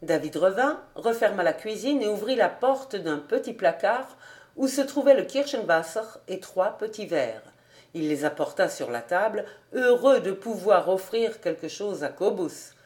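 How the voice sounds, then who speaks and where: A woman narrating a classic novel as an audiobook reader, in a measured reading voice. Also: medium pitch, lively intonation, darkish tone.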